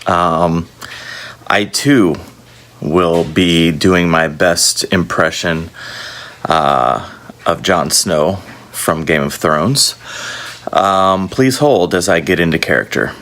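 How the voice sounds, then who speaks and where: Deep, deadpan male podcast co-host. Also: slow. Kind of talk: casual podcast chat.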